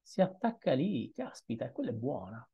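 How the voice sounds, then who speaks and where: A young man commenting on his own chess game as he plays, thinking aloud in an unhurried, musing way with hesitant asides, recorded on a webcam at a desk in a small room. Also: mid-range voice, big pitch swings, breathy edge, lo-fi sound. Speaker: chess streamer.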